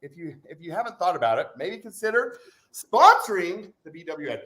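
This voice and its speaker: A man co-hosting a live stream in casual chat, exuberant and jokey, whooping and shouting at times, getting over covid. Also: sits high, sing-song, a little fast. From Utah. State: recovering from covid. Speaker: livestream co-host.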